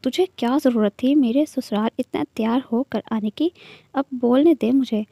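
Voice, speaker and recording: A woman reading the lines of a sharp-tongued, jealous young man in a novel, keeping close to her own voice. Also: very high-pitched, normal speed, vocal fry, no room sound, lo-fi sound. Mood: sarcastic. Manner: sarcastic, bickering.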